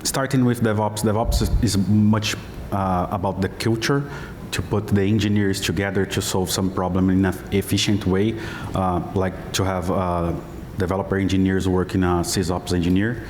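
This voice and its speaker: Deep flat-voiced man with hesitant speech. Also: normal speed, a little hiss or hum. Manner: hesitant, many fillers, non-native phrasing. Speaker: head of platform engineering, panelist. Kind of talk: conference panel discussion. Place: conference stage. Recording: hall reverb with faint ambience.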